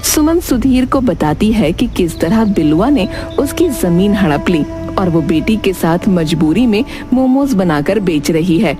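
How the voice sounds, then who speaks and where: A woman narrates a scripted cartoon story with a very animated pitch, music clearly audible behind her. She speaks unhurriedly and rarely pauses.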